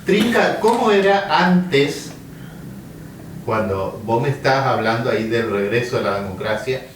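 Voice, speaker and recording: A man's voice: mid-range voice, animated, unhurried, a little hiss or hum. A man with an Argentine Spanish accent interviewing, mostly giving short agreeing replies. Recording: distant, very echoey room with faint ambience.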